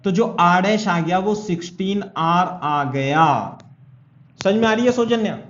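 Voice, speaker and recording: A man's voice: high-pitched, measured pace, fairly bright tone. A male physics teacher giving a classroom lecture, working through a problem step by step and often checking whether his students follow. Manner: explains step by step and keeps asking if students follow. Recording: echoey room, dull lo-fi sound.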